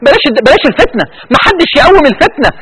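Egyptian male preacher, very high and lively voice, impassioned and pleading sermon delivery. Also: rapid-fire, low-quality recording. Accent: Egyptian Arabic. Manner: impassioned, pleading, voice breaking with emotion.

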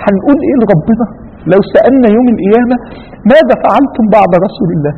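A man with an Egyptian accent preaching a sermon, fervent and full of rhetorical questions, with a husky voice. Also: extremely high pitch, expressive, racing. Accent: Egyptian Arabic. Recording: dull radio broadcast with long hall reverb.

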